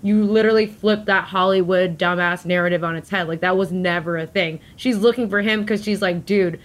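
A woman's voice: on the low side, fairly even intonation, brisk. A woman co-hosting a podcast in casual chat, heated, swearing often and filling her talk with "like.". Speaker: podcast co-host.

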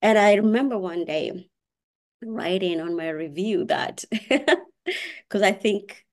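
A woman, a software engineer chatting animatedly as a podcast guest and laughing often. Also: medium pitch, expressive, takes it slowly. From Kenya. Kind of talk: casual interview chat.

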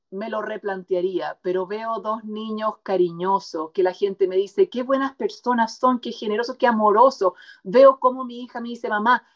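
A woman's voice: medium pitch, a bit bright. A woman guest author speaking passionately and emphatically in an interview conversation.

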